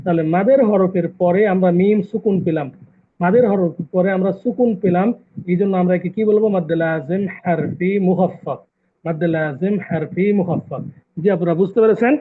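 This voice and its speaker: A man's voice: high voice, brisk. A man teaching Quran recitation rules in an online lesson, patiently repeating terms and quizzing his students. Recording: tinny phone-like call audio.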